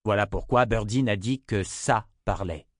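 A man's voice: lowish voice, normal speed, no room sound, clean studio sound, natural voice. Male narrator doing a patient young man, level and plain, audiobook. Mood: calm. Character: calm young man, wizard's grandson.

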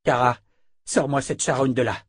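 A man reading an audiobook, voicing a commanding woman inquisitor who is stern with enemies and gentle with a child. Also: mid-range voice, moderate pace, husky, no echo, studio quality, voice pushed up, lightly acted. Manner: commanding, firm.

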